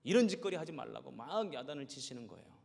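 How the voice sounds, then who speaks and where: A male pastor preaching a sermon in a seminary chapel, telling stories in an animated way that swings from hushed to loud. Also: fairly high pitch, fast talker, vocal fry. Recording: echoey hall.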